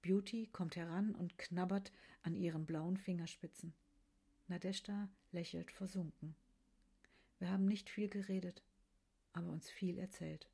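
A woman narrating a literary story in a hushed way, often dropping to a whisper. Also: lowish voice, fairly even intonation, a little slow, gravelly, breathy edge.

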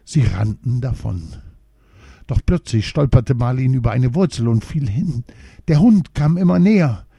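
Man, storybook narration, calm and measured, dark mellow tone, lively pitch, dry close sound. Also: vocal fry, breathy edge, no echo, muffled recording.

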